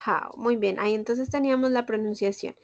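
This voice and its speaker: A woman's voice: on the high side, measured pace, dry recording. A woman English teacher explaining step by step in an online class, giving examples in Spanish and English. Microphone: video call. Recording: dull lo-fi video call audio.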